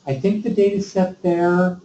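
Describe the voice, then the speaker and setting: In a meeting room, a man with a high-pitched, warm voice leads a committee discussion at a measured pace and level tone, thinking aloud and often restarting. A distant room mic captures him from far off, so the sound is dull and echoey with slight background noise.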